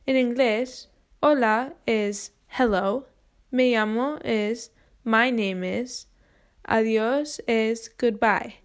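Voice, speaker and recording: A woman giving a scripted English pronunciation lesson, spelling out sounds slowly and carefully. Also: a little high. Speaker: English teacher.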